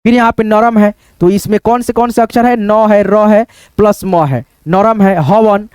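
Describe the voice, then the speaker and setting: Man, very high voice, patient teacher, spells words out slowly, dry close sound. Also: darkish tone, clear, resonant tone, no room sound. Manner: patient, repeats words syllable by syllable, addresses viewers as friends. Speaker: Hindi reading and writing teacher.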